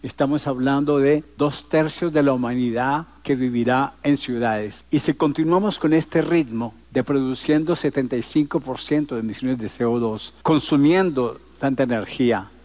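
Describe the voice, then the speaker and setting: Addressing a live audience, this conference speaker from Colombia, aged in his sixties, drives his points home with repeated phrases and lists in an emphatic style. He talks at a normal speed with few pauses, in a mid-range, darkish voice.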